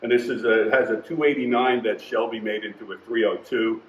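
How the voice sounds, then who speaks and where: An older man chatting as a guest about his cars, telling stories with animated energy. He sounds like he is in a roomy space, and the sound is a little dull, with faint background hum. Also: lowish voice, brisk. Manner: animated anecdote teller, acts out quoted voices. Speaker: car collector guest. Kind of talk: casual storytelling interview.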